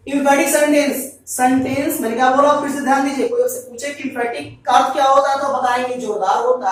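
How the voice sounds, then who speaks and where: A man's voice: very high voice, slight background noise. A man teaching a grammar lesson to a class. He keeps repeating points and quizzing the students. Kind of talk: classroom lecture. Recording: very echoey room, mic far off.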